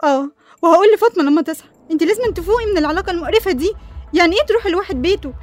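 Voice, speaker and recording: Woman doing a very high squeaky egyptian kid sister, whiny, talks super fast, dry close sound. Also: animated, a little mellow. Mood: hurt. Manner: whiny, cheeky. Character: young girl, cheeky greedy youngest sister. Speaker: youngest sister. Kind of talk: radio drama acting.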